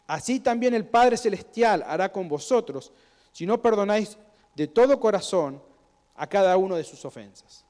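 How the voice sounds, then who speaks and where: A man's voice: high-pitched, expressive, normal speed, a little mellow. A man preaching a sermon in a conversational way, asking his congregation questions and acting out quoted voices, recorded in a church. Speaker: pastor. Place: church sanctuary. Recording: long hall reverb.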